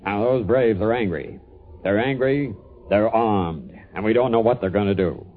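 An actor playing a gruff, stern army general, blunt and commanding, in old radio drama style. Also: male voice, on the low side, moderate pace, natural voice. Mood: stern, warning. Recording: phone-like, thin old radio recording.

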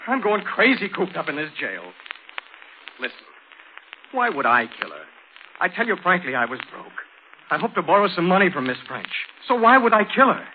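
A man's voice: high-pitched, sing-song, normal speed. An actor playing a frantic accused man in his thirties, agitated and pleading, in 1940s radio drama style. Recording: tinny old radio, faint noise.

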